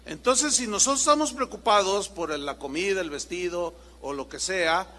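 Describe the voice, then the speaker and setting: Animated high-voiced man preaching. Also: normal speed. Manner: lively, acts out little dialogues, rhetorical questions. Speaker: pastor. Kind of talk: sermon. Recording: reverberant church hall.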